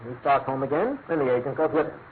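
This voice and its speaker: An actor playing a dutiful, matter-of-fact police inspector in a classic radio drama, speaking deferentially. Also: male voice, mid-range voice, animated, fast talker, a little hiss or hum, lightly acted. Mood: confident. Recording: tinny vintage radio, music underneath.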